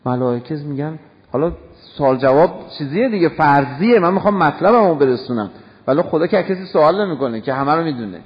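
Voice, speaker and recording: A man preaching a sermon in an impassioned way, moving between soft passages and loud, emphatic bursts. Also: fairly high pitch, lively intonation. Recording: long hall reverb, dull lo-fi sound.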